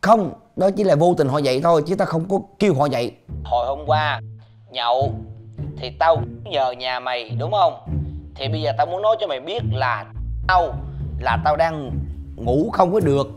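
A man's voice: on the high side, lively intonation, normal speed, natural voice. An actor playing an awkward, overly polite young man who can't sleep, explaining himself in hesitant, rambling sentences. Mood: sheepish. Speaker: friend who calls at midnight. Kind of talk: scripted comedy sketch acting. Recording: music score under dialogue.

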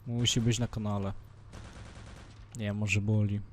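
A man's voice: lowish voice, little pitch movement, measured pace, slight background noise. A man with a strained, sore-throated voice giving casual, slangy let's play commentary, often muttering and swearing to himself. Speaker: gaming YouTuber, host of a retro game series. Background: game gunfire and ambience.

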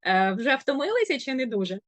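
A woman with a Ukrainian accent teaching a diction class, animated and demonstrating tongue twisters at speed. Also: sits high, fairly quick, no room sound. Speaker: speech coach.

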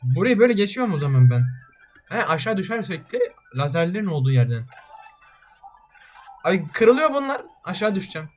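Excitable man narrating a game, music behind. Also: fairly high pitch, quick pace. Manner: excitable, yelps at near misses. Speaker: gaming channel host. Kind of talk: let's-play game commentary.

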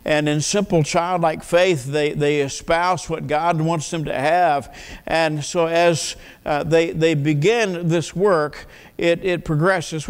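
Older male pastor, slightly high voice, earnest pulpit sermon, church hall reverb. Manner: earnest, asks the congregation questions, repeats words. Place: church sanctuary, at a wooden pulpit. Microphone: pulpit mic.

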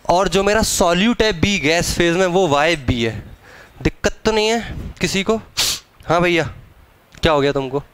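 With a clean, fairly bright voice that sits high, a young man runs a live chemistry lecture for a classroom of students in a dry recording. His style is casual and teasing, and he elongates the key terms he emphasizes.

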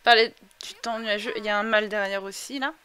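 A young woman giving chatty, excitable commentary while playing a life-simulation game, talking through a headset mic. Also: medium pitch, fast. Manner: chatty, excitable outbursts, thinks aloud. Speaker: gaming YouTuber. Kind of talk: casual let's-play commentary.

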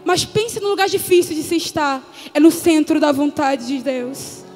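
A woman's voice: high-pitched, normal speed, darkish tone. A woman preacher from Brazil, giving an urgent sermon mixed with personal testimony. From Paraíba, Brazil. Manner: impassioned, urgent exhortation. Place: church hall. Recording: long church hall reverb with music.

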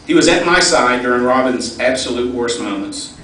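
A man's voice: mid-range voice, expressive, moderate pace, a bit bright. A middle-aged man giving a personal, folksy storytelling speech at a fundraising event. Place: large event hall. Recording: echoey hall, distant mic, faint noise.

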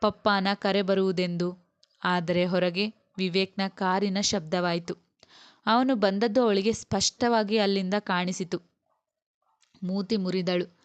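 A woman reading a novel aloud as its narrator, in steady storytelling. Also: mid-range voice, a little slow, long pauses, clean tone. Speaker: audiobook narrator.

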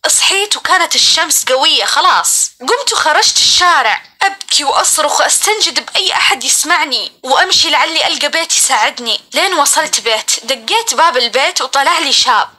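A young woman tells a horror story in the first person, dramatic and breathless. Her voice is high and bright, and she talks very fast. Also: expressive.

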